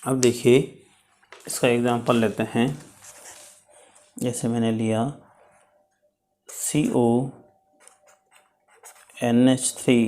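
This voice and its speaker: A man's voice: medium pitch, darkish tone. A man teaching chemistry in a step-by-step lecture, checking in often with his students. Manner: explains slowly, checks with "ठीक है".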